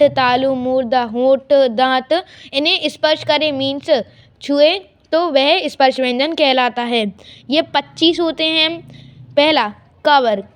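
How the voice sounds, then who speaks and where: Female teacher, bright high register, slow step-by-step delivery for a grammar lesson. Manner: slow, drawn-out explanations with repeated examples.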